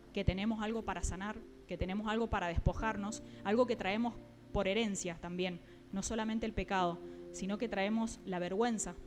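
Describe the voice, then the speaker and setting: A woman delivers a sermon in a voice of middling pitch. She speaks directly to her listeners, often stopping with small fillers and asking whether they follow. Soft music plays faintly underneath. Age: adult, mother. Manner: keeps checking in with listeners, pausing with fillers. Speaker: preacher.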